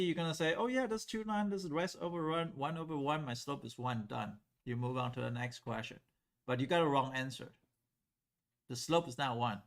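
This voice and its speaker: Gravelly-voiced man teaching math. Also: medium pitch. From Taiwan. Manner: lively, asks the class questions. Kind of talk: classroom lecture at a whiteboard.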